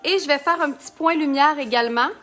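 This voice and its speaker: A woman's voice: high voice, quick pace, fairly bright tone, soft background music. A woman from Canada with a Quebec French accent, giving a chatty live makeup tutorial and greeting viewers by name. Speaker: makeup consultant. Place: home, under a ring light.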